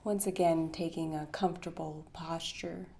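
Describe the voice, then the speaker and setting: A woman with a low, dark voice and steady tone leads a guided meditation with readings of poetry. Her delivery is soothing, marked by long pauses and breathy endings to her phrases.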